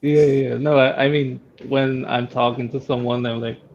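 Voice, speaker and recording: A man's voice: medium pitch, level tone, moderate pace, highs cut off, a little hiss or hum. A man chatting cheerfully on a group call as a guest artist, laughing mid-sentence. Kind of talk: casual group chat.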